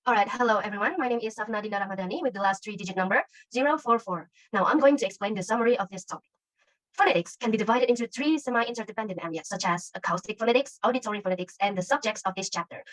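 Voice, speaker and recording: A woman's voice: mid-range voice, dry recording, poor audio. A young woman student presenting a class summary, reading carefully from notes. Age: young adult. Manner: careful, read-aloud delivery.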